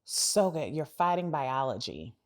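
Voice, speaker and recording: Deep-voiced woman podcast host. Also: very animated, unhurried, darkish tone. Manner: reflective, affirming, asks open questions. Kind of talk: podcast interview.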